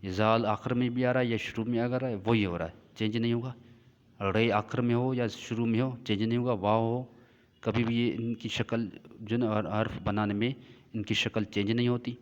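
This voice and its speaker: A man's voice: mid-range voice, fairly even intonation. Man teaching in a dull, echoing room. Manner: explains slowly, repeats and checks with "ठीक है". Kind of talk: classroom lecture on the alphabet. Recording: dull lo-fi sound with long reverb.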